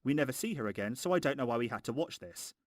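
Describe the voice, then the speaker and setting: Sarcastic, animated male film reviewer. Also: mid-range voice, fast, no room sound, clean studio sound. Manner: mocking, exasperated, sweary. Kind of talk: sarcastic scripted review narration.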